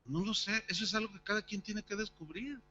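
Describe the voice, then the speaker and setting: A man's voice: high voice, brisk, highs cut off. A man preaching at a church service, telling a personal story and acting out its dialogue. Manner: animated, acts out the dialogue of his story. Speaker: pastor.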